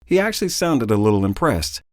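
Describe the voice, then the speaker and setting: A man reading an audiobook in dramatic, expressive storytelling, close to the mic. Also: medium pitch, a little fast, no room sound. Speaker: audiobook narrator. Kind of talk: scripted audiobook narration.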